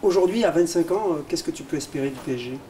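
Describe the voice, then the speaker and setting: A man's voice: a little high, animated, fast talker, dark tone, slight background noise. A man interviewing a guest in a casual, familiar way. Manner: friendly, familiar questioning.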